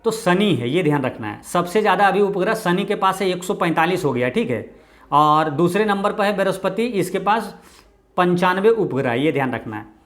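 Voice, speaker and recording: A man's voice: expressive, moderate pace. Bihari man explaining exam answers. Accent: Bihari Hindi. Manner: repeats "ye dhyan rakhna hai" with a low, quiet drop. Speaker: exam-prep teacher.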